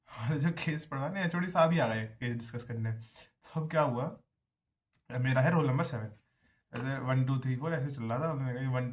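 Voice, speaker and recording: A young man, a college student, telling a story in a chatty, casual vlog style, often addressing listeners as brother. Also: medium pitch. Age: young adult.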